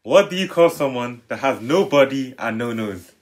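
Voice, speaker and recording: A man's voice: medium pitch, lively intonation, moderate pace. A man on a reaction show, telling puns to friends in casual chat, pushy and laughing at his own jokes.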